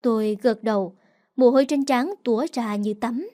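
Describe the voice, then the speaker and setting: A woman's voice: on the high side, normal speed, warm tone. A woman narrating a dramatic first-person story aloud, reading with emotion.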